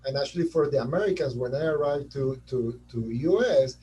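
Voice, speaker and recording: A man's voice: mid-range voice, fairly quick, slight background noise. Colombian man speaking English on a distant call mic. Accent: Colombian Spanish. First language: Spanish. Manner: animated, repeats words while searching for them. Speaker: transplant surgeon guest. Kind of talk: webinar interview.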